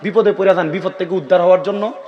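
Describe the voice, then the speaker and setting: Man, middle-aged preacher, high voice, chatty sermon, prods crowd for responses. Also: fairly even intonation, fast, highs cut off, heavy background noise. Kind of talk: Islamic sermon (waz) to a gathering.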